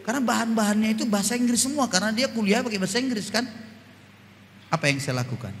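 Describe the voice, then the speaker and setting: A man, a pastor preaching a sermon with call and response in a church hall. His delivery is animated, and he drops to soft, low tones for personal stories. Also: fast talker, slight background noise. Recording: long church hall reverb.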